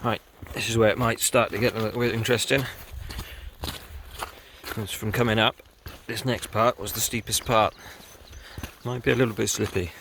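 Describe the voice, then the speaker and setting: A man chatting casually through an outdoor camping vlog, relaxed, with plenty of ums. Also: on the low side, moderate pace, creaky, a little hiss or hum. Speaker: wild camping vlogger. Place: outdoors on a windy hillside.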